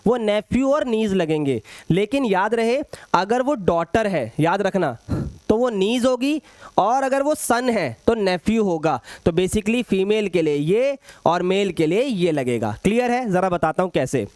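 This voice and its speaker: A man's voice: high voice, animated, unhurried, darkish tone, no room sound. A young man teaching an online exam-prep maths lesson, calling students "beta", repeating points and adding playful asides.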